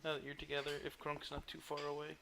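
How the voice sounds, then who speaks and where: A man's voice: a little high, completely flat delivery, quick pace, gravelly, noisy background. A man acting as game master for a tabletop game, describing scenes and laughing often.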